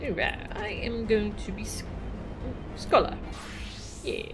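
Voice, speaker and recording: With game music in the background, a woman streams a video game and chats casually, reading game text aloud and laughing often. Her voice is medium-pitched and slow.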